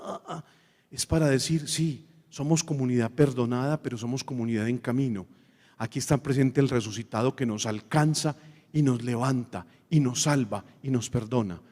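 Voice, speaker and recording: Priest in a reverberant hall. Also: male voice, medium pitch. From Colombia. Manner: animated, sings snatches of hymns and acts out quotes. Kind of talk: liturgy talk.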